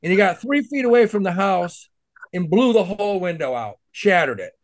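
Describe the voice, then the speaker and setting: A man co-hosting a podcast, rambling through stories in profane, animated casual chat. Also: high-pitched, moderate pace. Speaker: podcast co-host.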